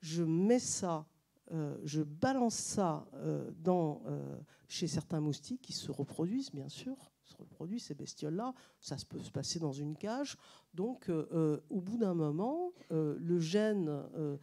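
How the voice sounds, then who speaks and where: Woman, journalist, on stage at a public talk, gravelly, mellow, hesitant, many fillers, joking. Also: low-pitched, animated, unhurried. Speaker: journalist and author on a panel. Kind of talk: public talk to a live audience. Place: stage at a public science event.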